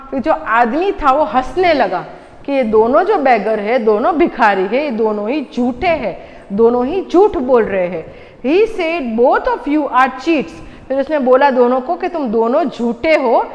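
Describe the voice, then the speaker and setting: A woman's voice: sits high, in a large hall, muffled recording. A woman teacher explaining a storybook lesson to young children, patiently translating each line and asking the class questions. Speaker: school teacher.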